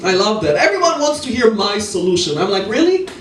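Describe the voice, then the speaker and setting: Israeli woman comic, wry, laughs at her own jokes, lively voice, hissy distant club tape. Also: mid-range voice, fairly quick. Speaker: stand-up comic. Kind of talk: stand-up set. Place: small lounge comedy club. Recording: echoey club, taped from far off with hiss.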